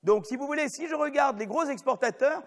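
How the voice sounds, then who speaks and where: A middle-aged male professor lectures with a fairly high voice. He talks off the cuff, restarting sentences, checking that listeners follow, and slipping in wry asides about himself. The sound carries a long reverb from the hall. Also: a little fast. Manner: digressive, many restarts and asides, checks in with "vous voyez"; jokey, self-mocking asides. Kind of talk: spontaneous university lecture.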